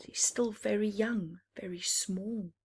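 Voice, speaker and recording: Reading aloud from a children's picture book, a female storyteller speaks extremely slowly in a husky, breathy, medium-pitched voice. Her delivery is dramatic and expressive, with hushed asides that explain things.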